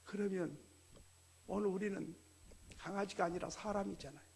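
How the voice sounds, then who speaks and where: Male pastor, animated sermon delivery, husky tone. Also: high-pitched, normal speed. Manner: animated preaching with acted dialogue.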